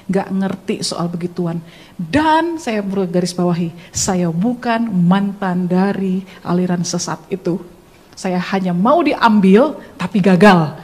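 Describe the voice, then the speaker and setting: A young woman giving a dramatic church testimony, telling her story with lively storytelling and speaking straight to her listeners. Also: mid-range voice. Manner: animated storytelling, addresses listeners directly, acts out scenes.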